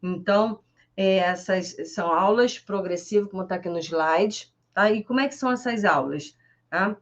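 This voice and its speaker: A woman's voice: mid-range voice, normal speed. A Brazilian woman teaching an online French class on a live stream, chatty and peppering her talk with little tag questions. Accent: Brazilian Portuguese.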